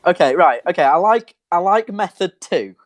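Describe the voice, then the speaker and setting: A man's voice: high-pitched, lively intonation, normal speed, no echo. A man hosting a casual podcast chat, joking sarcastically and reading steps aloud. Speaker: podcast host.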